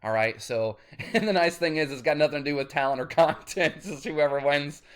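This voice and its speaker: A man's voice: on the high side, brisk, clear, resonant tone. Rambling, cursing man in his thirties. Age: 30s. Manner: rambling, cursing, grows loud and insistent. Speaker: independent musician. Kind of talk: direct-to-camera vlog rant.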